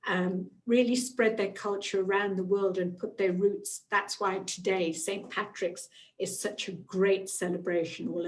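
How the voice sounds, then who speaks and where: A middle-aged woman giving an online guided travel presentation in a chatty way, with frequent fillers and restarts. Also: mid-range voice. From not from Canada, moved there in the nineties.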